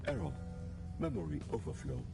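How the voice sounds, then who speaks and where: A man's voice: mid-range voice, wildly swooping pitch, fairly quick, gravelly, heavily acted. An actor playing a malfunctioning male guardian robot in an adventure game, a glitching robot voice that talks in clipped, mechanical, repeating phrases. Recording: game audio with loud music.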